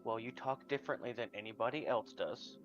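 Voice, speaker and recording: A man's voice: medium pitch, a little fast. A man playing a tabletop game, asking blunt questions in casual in-character chat. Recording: dull lo-fi mic, music behind.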